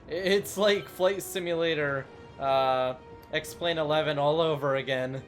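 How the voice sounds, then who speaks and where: A man's voice: on the high side, unhurried, faint music behind. A young man casually commenting while playing a city-building game, chatty and self-mocking, rambling into asides. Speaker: gaming YouTuber.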